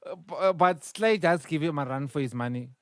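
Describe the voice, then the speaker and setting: Excitable male podcast co-host. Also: on the high side, no echo, studio quality. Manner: excitable, quick to laugh, restarts mid-sentence. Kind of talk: casual chat.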